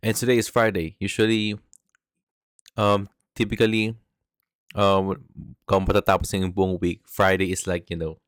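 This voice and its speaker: A man's voice: deep voice, no echo, clean studio sound. A young man, hosting a casual reaction video and chatting while eating. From Philippines. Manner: chatty, eating while talking, mixing English and Tagalog. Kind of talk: casual chat.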